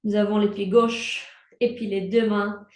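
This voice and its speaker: A young, pregnant yoga instructor whose first language is Portuguese leads a guided prenatal class from a mat in a room at home. Her mid-range voice cues slowly and calmly with breath prompts, picked up by a distant laptop mic in a roomy space.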